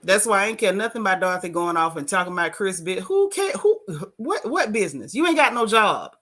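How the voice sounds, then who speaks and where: A woman hosting a casual gossip chat, sassy and playful with loud joking. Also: mid-range voice, big pitch swings, fairly quick. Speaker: podcast host.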